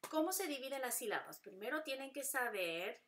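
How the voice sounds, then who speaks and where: Patient female teacher, bright tone, repetitive drilling delivery, occasional English asides. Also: high voice, big pitch swings, brisk, a little hiss or hum. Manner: patient, repeats patterns, switches to English to explain. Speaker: Spanish teacher. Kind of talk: classroom lesson.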